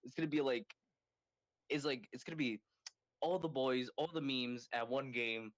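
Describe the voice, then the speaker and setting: Rambling, excitable man in dry close sound. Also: medium pitch, normal speed, dry recording. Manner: rambling, excitable, filler-heavy with constant "like". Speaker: podcast co-host. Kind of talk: casual chat.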